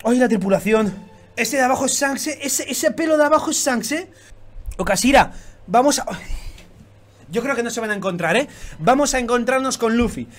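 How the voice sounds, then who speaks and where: A man doing excited reaction commentary, swearing constantly and bursting into shouts. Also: very high voice, moderate pace, long pauses, faint music behind. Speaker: YouTube manga reactor.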